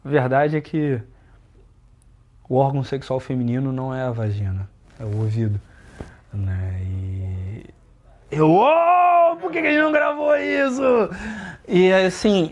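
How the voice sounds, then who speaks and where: A young man hosting a casual podcast chat about dating, animated, swinging his loudness and pitch, swearing for emphasis. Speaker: dating coach and host.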